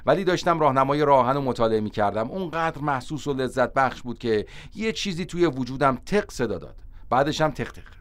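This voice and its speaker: An actor dubbing a smug, pedantic young physicist who has taken up trains, talking in a precise, mock-polite way. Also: male voice, mid-range voice, expressive, lightly acted. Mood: lecturing. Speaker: Persian dub actor. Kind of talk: Persian dub of a sitcom.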